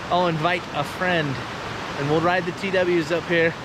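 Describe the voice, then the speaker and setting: A man talking casually to camera as a vlog host, in an informal, halting, rambling way. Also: on the high side, fairly even intonation. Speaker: vlogger and host. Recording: noisy outdoor ambience, vehicle and river noise.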